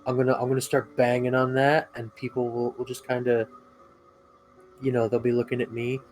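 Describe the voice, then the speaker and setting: A man's voice: medium pitch, monotone, brisk, darkish tone. A man chatting casually as a player in a tabletop game, tentative and repeating words as he thinks. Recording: music behind the voice.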